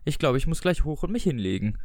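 A man's voice: fairly high pitch, big pitch swings, quick pace, darkish tone, no room sound, studio quality. A man voicing a frail, scheming eighty-five-year-old wife with a politely scratchy voice, read in a German audiobook excerpt. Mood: flustered.

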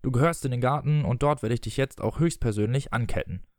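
A man's voice: medium pitch, fast, a little mellow, no room sound, clean studio sound, close to an everyday voice. A man voicing a proud, stubborn father who blusters and feels sorry for himself. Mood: bitter, blustering. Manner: blustering and self-pitying.

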